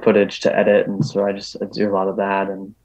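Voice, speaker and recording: A man's voice: sits low, completely flat delivery, quick pace, darkish tone. A man speaking as an interview guest in casual talk, hesitant, with many ums and restarts. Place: New York. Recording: dull lo-fi recording.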